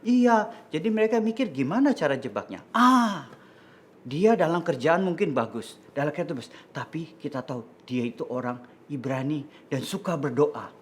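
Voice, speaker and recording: A man's voice: fairly high pitch, fairly quick, slight background noise. A man with an Indonesian accent telling a Bible story to children as a kids church teacher. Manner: lively, patient, explaining.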